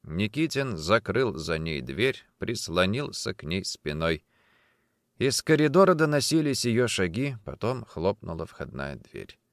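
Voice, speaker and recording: A man narrating an audiobook in a dramatic, expressive reading. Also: lowish voice, a little slow, no echo, clean studio sound. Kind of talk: scripted narration.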